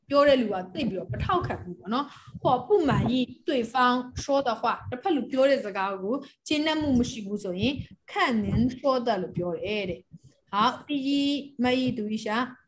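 A woman's voice: fairly high pitch, expressive, measured pace, background noise. A woman teaching a Chinese class, explaining phrases and calling on students to read. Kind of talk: classroom instruction.

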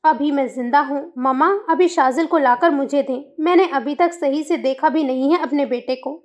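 A woman's voice: sits high, moderate pace, muffled recording, close to an everyday voice. A woman voicing a young mother who talks in a pleading, insistent, upset way. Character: young mother, fiery and demanding.

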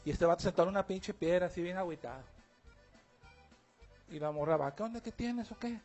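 A man with a high, husky voice rambles through a long crude joke on a radio comedy show, full of street slang. Faint music hums behind him. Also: expressive, a little fast, darkish tone. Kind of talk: telling a crude joke on air.

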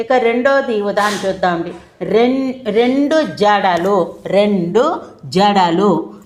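A middle-aged woman with a Telugu accent teaching a grammar lesson, who asks questions and answers them herself while repeating the key terms. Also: medium pitch.

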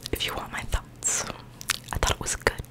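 A young woman tells everyday stories in an intimate, breath-only whisper. She rambles informally, right up close to the microphone, in a casual ASMR style. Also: moderate pace. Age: young adult. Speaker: ASMR creator. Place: small bedroom, indoors. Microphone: large microphone with foam cover, very close.

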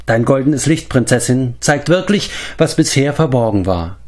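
A man voicing a wise old male bard in a storybook reading, speaking in a measured, reflective way. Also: medium pitch, expressive, a little mellow, natural voice.

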